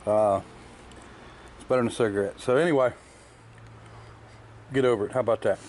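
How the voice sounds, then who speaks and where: Fairly quick and a little mellow, his mid-range voice carries a slight hiss or hum. A car restorer in his workshop garage, he rambles casually about his restoration work for a shop vlog, plainspoken and full of fillers, chewing candy all the while.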